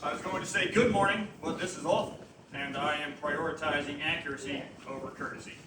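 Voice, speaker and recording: A man's voice: on the high side, a little fast. A tearful man giving a eulogy, his voice close to cracking, with wry self-deprecating humor. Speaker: eulogist, army physician. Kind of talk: eulogy speech. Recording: echoey room, distant mic, background noise.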